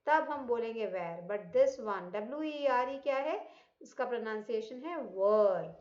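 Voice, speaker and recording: A woman teaching English grammar with an Indian accent. She explains in Hindi, reads English examples slowly, and asks the class questions that she answers herself. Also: fairly high pitch, darkish tone. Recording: echoey, dull lo-fi room sound.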